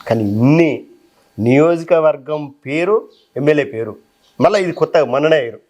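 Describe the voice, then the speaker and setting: A man's voice: fairly high pitch, brisk, a little mellow. A man with a Telangana Telugu accent, talking in a folksy, plain-spoken way in casual chat.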